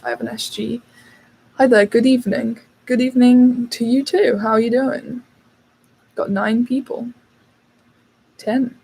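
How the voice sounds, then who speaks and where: A woman's voice: a little high, steady tone, a little slow, gravelly, long pauses, mellow, husky, rough recording. British woman chatting on a livestream. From United Kingdom. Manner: chatty, reads out and answers viewer questions with fillers. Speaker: channel host. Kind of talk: casual livestream chat.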